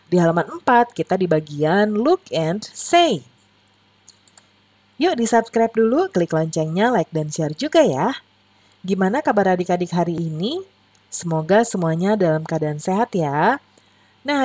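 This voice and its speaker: A young adult woman tutor teaches children English slowly and patiently, often adding "ya" and "eh". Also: on the low side, a little mellow, no room sound. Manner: slow, patient, sing-song explanations with drawn-out English words; frequent "ya" and "eh" fillers. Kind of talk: bilingual English lesson for kids.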